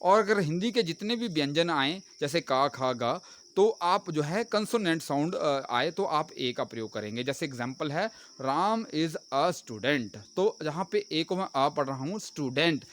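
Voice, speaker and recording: Man, teacher, animated rising and falling pitch, faint crickets behind. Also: normal speed, a little hiss or hum. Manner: explains step by step, asking and answering his own questions. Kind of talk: grammar lesson.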